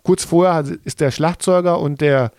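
On a podcast he co-hosts with his son, a middle-aged man chats casually, wandering off track and searching for details as he talks. He speaks at a normal speed in a slightly mellow voice on the high side, recorded with studio quality and no room sound.

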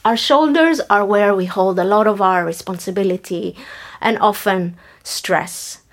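A woman instructing an exercise class in a deliberate, theatrical drama-teacher manner, chanting single words as cues. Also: mid-range voice.

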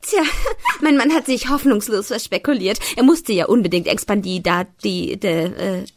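An actress playing a vain, scatterbrained society wife in a comic mystery drama, rambling and gushing. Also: female voice, mid-range voice, moderate pace, dry recording, lightly acted. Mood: chatty lament. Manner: rambling, gushing, giggly, self-absorbed.

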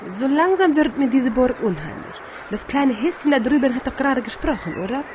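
A somewhat high-pitched, protective sorceress acted by a woman in a fantasy audio drama. She is uneasy yet firm, with faint ambience behind her. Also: lively intonation, fairly quick, darkish tone, slight background noise.

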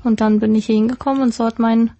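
A woman's voice: fairly high pitch, fairly even intonation, fast, warm tone, dull audio. A woman in her twenties from Germany, chatting casually as an interview guest with lots of fillers. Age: 20s. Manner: chatty, many fillers, laughs easily. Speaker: guest, YouTuber and presenter.

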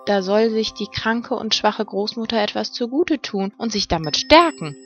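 A woman's voice: medium pitch, lively intonation, moderate pace, faint music behind, voice pushed up, natural voice. A woman voicing an innocent, trusting little girl in a fairy tale, artless, eager and full of wonder. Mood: innocent, chatty. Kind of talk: fairy-tale storybook reading.

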